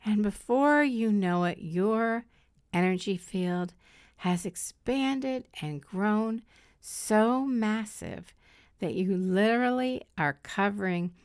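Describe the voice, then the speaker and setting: A middle-aged woman leading a guided meditation in a soft, soothing, breathy delivery with long pauses. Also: mid-range voice, lively intonation, no room sound, studio quality.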